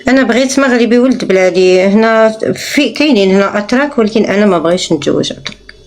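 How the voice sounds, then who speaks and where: A woman's voice: mid-range voice, animated, racing, a little hiss or hum. Hesitant Moroccan woman in her thirties. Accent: Moroccan Arabic. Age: 30s. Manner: hesitant, with many fillers. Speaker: caller seeking a husband. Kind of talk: casual chat.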